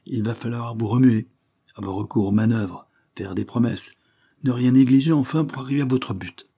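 A man's voice: medium pitch, normal speed, gravelly, mellow, slightly rough. A man reading the lines of a domineering elder sister, insistent and scolding.

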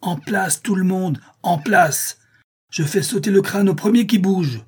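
A man's voice: fairly high pitch, lively intonation, moderate pace, mellow, husky, pitched above the performer's own voice. A man voicing bold young leader Harry. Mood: commanding. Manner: barking commands over a storm.

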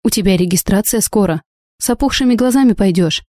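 A woman voicing Alena, a brazen married young woman who speaks with mocking irony, in a warm audiobook reading. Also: mid-range voice, a little fast, no room sound, clean studio sound, voice pushed up, close to an everyday voice. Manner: mocking, ironic.

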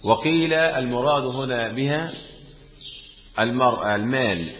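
A man leads a classroom religious lesson, pausing to quiz his listeners and repeating key phrases as he explains. His voice sits at an ordinary middle pitch. The recording is dull and lo-fi, with a long echo from the room. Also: a little hiss or hum. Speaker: teacher explaining hadith. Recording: echoey room, dull lo-fi sound.

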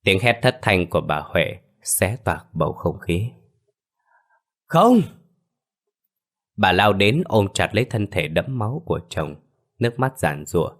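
Casting: deep-voiced man, steady dramatic ghost-story narrator. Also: normal speed.

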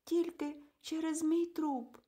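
A woman's voice: extremely high pitch, steady tone, slow pace, warm tone, pitched above the performer's own voice. A woman voicing a timid old man who protests in a trembling, plaintive voice. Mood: protesting.

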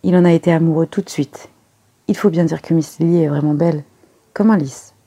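A gossipy young maid who chatters eagerly and giggles, as a reader puts her on for a storybook. The tone is a little lifted yet still dark and husky underneath. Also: medium pitch, brisk.

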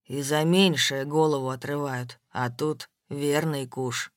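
A woman voicing a gloomy tattooed man who speaks slowly and somberly in a dropped voice. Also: steady tone, no room sound, clean studio sound. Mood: grim. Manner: slow, low and somber. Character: gloomy tattooed middle-aged man, calm and grim.

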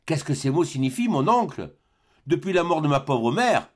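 A man reading aloud, voicing an earnest young gentleman who asks bewildered questions. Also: on the high side, sing-song, normal speed. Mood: puzzled.

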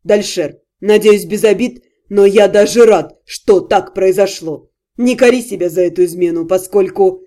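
A woman voicing a calm, self-assured young nobleman in an audiobook, speaking low and unhurried. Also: natural voice. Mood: calm, smug. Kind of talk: audiobook character reading.

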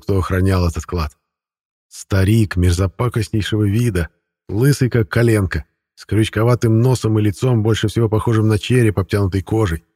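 A man narrating an audiobook in the first person with a wry, even storytelling manner. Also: fairly low pitch, husky, no echo, clean studio sound.

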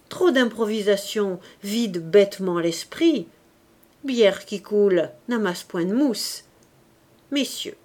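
A woman's voice: mid-range voice, darkish tone. A woman reading an audiobook, voicing a pompous young man who lectures his friends in grand, sententious phrases.

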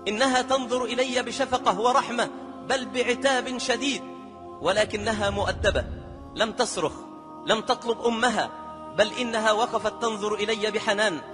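A man preaching an emotional sermon as a story, often slipping into melodic chanting. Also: high voice. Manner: dramatic, slides into melodic chanting of verses. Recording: long hall reverb with music behind.

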